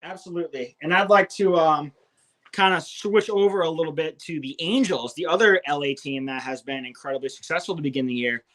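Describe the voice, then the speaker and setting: A man's voice: a little high, a little fast, fairly bright tone. A young man co-hosting a fantasy baseball podcast, rattling off stats with enthusiasm. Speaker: co-host.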